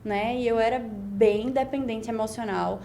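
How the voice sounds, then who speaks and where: A young woman with a Pernambuco accent speaks in a fairly high voice, reflecting on her life in long, flowing stretches as a podcast guest. She often checks in with "né?" as she talks. A faint hum of background noise sits under her voice. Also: fairly even intonation, a little slow, vocal fry, mellow. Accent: Brazilian Portuguese, Pernambuco. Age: 20s. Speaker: guest, beauty pageant winner. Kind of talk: casual podcast interview.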